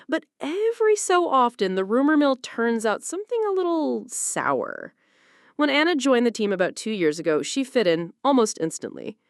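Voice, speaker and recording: A woman with a slightly high voice narrates a personal story dramatically, her intonation very animated. She sounds conversational and confiding, as if sharing a secret. The recording is close and dry, with hardly any room sound and no echo.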